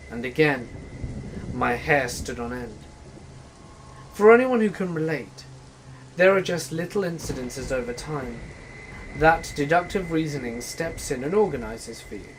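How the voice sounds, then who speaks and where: A man narrating scary stories in a steady, measured storytelling manner. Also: on the high side, a little hiss or hum, poor audio. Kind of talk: scripted horror story narration. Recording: faint rain ambience behind voice. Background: faint rain ambience.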